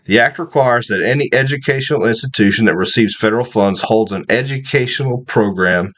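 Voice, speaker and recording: A man's voice: medium pitch, fairly quick, fairly bright tone. A man hosting a radio commentary, reading passages aloud and then repeating them with his own remarks and small fillers. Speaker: radio host.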